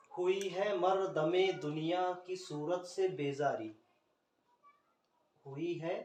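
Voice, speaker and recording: A man's voice: fairly high pitch, a little mellow, distant mic, a little hiss or hum. A man teaching an Urdu poetry scansion lesson, spelling out letters one by one in an Indian Urdu accent. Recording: roomy echo, speaker off the mic.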